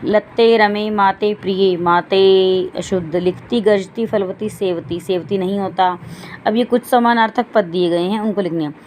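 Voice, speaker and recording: Woman teacher, class lesson, line-by-line explaining, even mid pitch, faint background hiss. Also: moderate pace. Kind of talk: Sanskrit lesson explained in Hindi.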